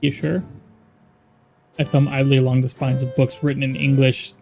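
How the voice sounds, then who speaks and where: A man's voice: medium pitch, level tone, normal speed, creaky, mellow, soft background music. A man playing a game on video, reading the dialogue and narration aloud with wry, exasperated quips. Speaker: gaming YouTuber.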